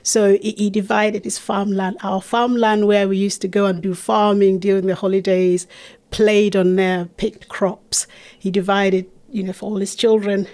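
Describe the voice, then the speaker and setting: A woman's voice: medium pitch, level tone, moderate pace, darkish tone. A middle-aged woman from Uganda, a guest in an interview, talking earnestly about teaching and her charity with frequent restarts. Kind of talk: conversational interview.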